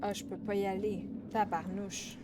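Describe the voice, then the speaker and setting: A woman with a Québécois accent streaming a horror game, excitable and shouting at the screen. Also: mid-range voice, normal speed, heavy background noise. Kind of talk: let's play commentary. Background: game music.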